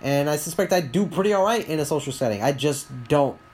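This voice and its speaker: A man, talking alone on his podcast in a rambling, candid way, often halting and restarting his sentences. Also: on the high side, expressive, darkish tone. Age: 20s. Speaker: podcast host. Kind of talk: solo podcast monologue.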